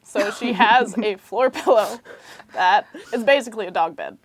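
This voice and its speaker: A woman's voice: mid-range voice, moderate pace. A young adult woman, a college athlete, describing a teammate in a giggly, friendly way. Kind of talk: casual interview comment.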